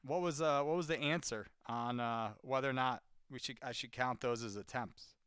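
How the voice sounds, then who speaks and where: A man talks casually to an online audience between phone calls, his voice smooth and resonant. The sound is dry and close, with no room around it. He rambles loosely, restarting phrases and answering viewers as he goes. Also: mid-range voice, moderate pace, a bit bright, no echo. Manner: chatty, talks straight to viewers and answers chat; loose, full of fillers and restarts. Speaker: sales caller making live calls. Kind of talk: live-streamed commentary while cold calling.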